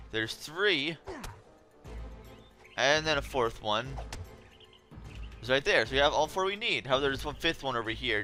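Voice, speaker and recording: A man's voice: fairly high pitch, sharp tone. A man giving casual, chatty game commentary as a let's play host, wry and easily annoyed.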